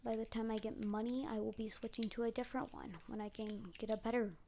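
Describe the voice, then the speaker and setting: A youngster who sounds like a child or young teen hosts an amateur solo podcast, rambling casually, hesitantly, and self-deprecatingly. The voice is mid-range, fast, gravelly, and mellow with fairly even intonation, recorded on an amateur mic with a blanket tried as a sound booth and a little hiss or hum.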